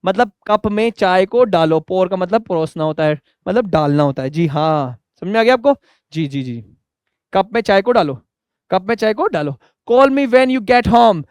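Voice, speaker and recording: A young man teaching spoken English in Hindi, saying each English sentence slowly several times, then explaining it and asking the class questions. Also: high voice, lively intonation, darkish tone, clear, resonant tone, no echo, clean studio sound. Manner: asks rhetorical questions to the class.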